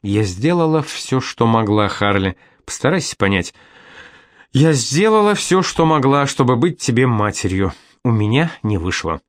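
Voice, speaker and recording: Brief: male reader doing a tearful mother, shaky and raised in pitch, dry booth sound. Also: expressive, normal speed, few pauses, clear, resonant tone, no echo, lightly acted. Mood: pleading. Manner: trembling, on the edge of hysteria. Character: distraught middle-aged mother, tearful, defensive.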